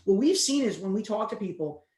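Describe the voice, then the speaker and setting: A man's voice: sits high, lively intonation, darkish tone. Brief: joking male investor guest, banter-heavy, roomy echoey sound. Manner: teasing, quick banter. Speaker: cannabis investor. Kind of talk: casual podcast discussion. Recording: echoey room.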